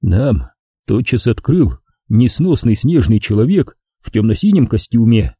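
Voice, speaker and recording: Man narrating in a dark, husky voice. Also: mid-range voice, a little slow, dry recording, clean studio sound. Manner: animated storytelling. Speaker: audiobook reader. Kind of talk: scripted narration.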